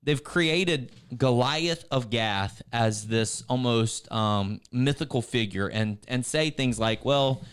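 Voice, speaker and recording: A man's voice: medium pitch, slow, few pauses, clean tone. A man, co-hosting a casual church video chat, rambling with frequent restarts and turning encouraging. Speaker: church staff co-host.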